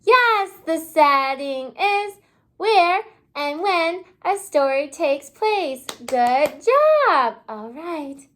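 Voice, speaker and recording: A kindergarten teacher with a high voice reads a story aloud to small children, expressive and pausing to ask them questions.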